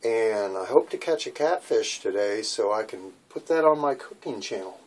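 A man's voice: lowish voice, lively intonation, normal speed. A man in his sixties casually vlogging from a small boat cabin, rambling with many fillers, recorded on a handheld phone. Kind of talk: casual vlog. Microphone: phone camera at arm's length.

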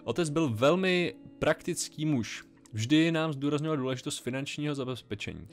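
A man's voice: a little high, faint music behind, pitched above the performer's own voice, natural voice. A man voicing a displaced woman lawyer, reading her formal, apologetic lines aloud. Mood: earnest.

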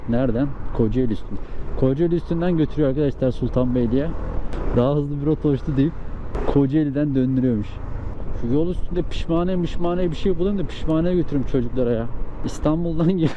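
A man's voice: fairly high pitch, quick pace. A man chats casually and playfully to viewers from inside a motorcycle helmet as he rides, rambling and thinking aloud in slangy speech. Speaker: motovlogger. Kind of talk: casual joking chat to viewers while riding. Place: inside a motorcycle helmet, riding outdoors on highways. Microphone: helmet microphone. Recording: muffled helmet mic, loud road and engine noise.

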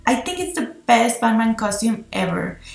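A woman's voice: on the high side, big pitch swings, normal speed, gravelly. A woman chatting enthusiastically through a rambling film review, recorded on her phone. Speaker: movie reviewer. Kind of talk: casual spoken film review. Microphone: phone recording itself. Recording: echoey room on a phone mic.

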